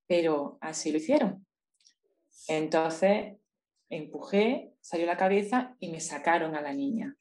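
A woman's voice: low-pitched, measured pace, a little mellow. Emotional Spanish woman recounting a story. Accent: Spain Spanish. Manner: intense, emotional retelling. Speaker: interview guest. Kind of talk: personal storytelling in a conversation.

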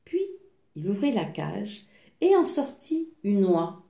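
A woman reading a fairy tale aloud, slowly and expressively, with small slips. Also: medium pitch, sing-song, creaky, dark tone. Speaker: storyteller. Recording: echoey room.

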